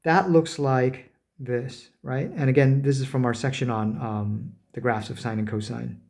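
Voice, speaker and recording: A man giving a math lecture, talking as he draws, with many fillers, self-corrections and quick "right?" checks. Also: mid-range voice, steady tone, vocal fry, darkish tone. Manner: talks while drawing, frequent fillers and self-corrections; rhetorical "right?" checks with students. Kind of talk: recorded lecture at a board.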